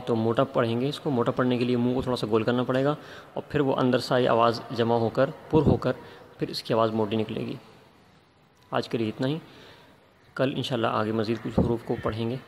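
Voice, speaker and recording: A man's voice: medium pitch, steady tone, creaky, slight background noise. A man teaching Quran recitation, patiently explaining letter sounds and drawing out each letter to demonstrate it. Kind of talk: tajweed lesson.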